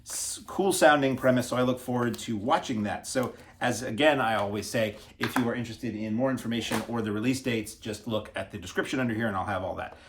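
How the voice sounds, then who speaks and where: A man's voice: mid-range voice, a little fast, hardly any pauses, a little hiss or hum. A man hosting a casual unboxing video, chatty and self-deprecating as he stumbles over foreign names. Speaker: video host reviewing disc releases.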